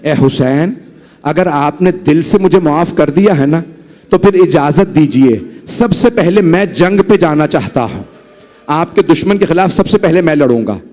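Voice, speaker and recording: A man's voice: a little high, lively intonation, a little slow, a little mellow, pitched below the performer's own voice. A man voicing a repentant warrior who begs forgiveness in a broken, pleading way.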